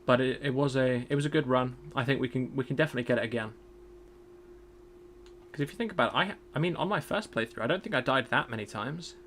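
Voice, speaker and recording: A man streams a game with casual, chatty commentary, thinking out loud and joking at his own expense in a loud voice. He has a medium pitch and quick pace, with a slight hiss or hum.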